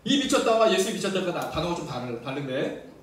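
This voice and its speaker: A man's voice: a little high, sing-song, fast. A man preaching a sermon as pastor, often asking the congregation questions. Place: church sanctuary. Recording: very echoey church hall, mic at a distance.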